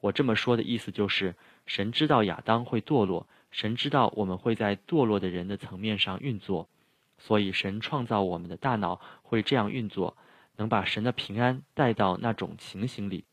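Middle-aged guy pastor, kinda low voice, explains stuff earnestly, dry close mic. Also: moderate pace, breathy edge, no room sound. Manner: earnest, explanatory, addresses the audience directly. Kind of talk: sermon teaching.

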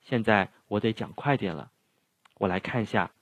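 A man's voice: fairly low pitch, normal speed, no echo. A middle-aged man preaching, earnestly explaining things and speaking straight to his listeners. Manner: earnest, explanatory, addresses the audience directly. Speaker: pastor. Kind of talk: sermon teaching.

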